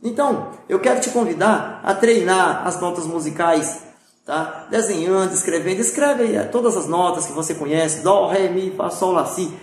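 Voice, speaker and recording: In a very echoey room, a music teacher with a high voice records a music theory lesson at normal speed. He explains patiently and repetitively, often saying "pessoal" and "tá?" to make sure his students are following.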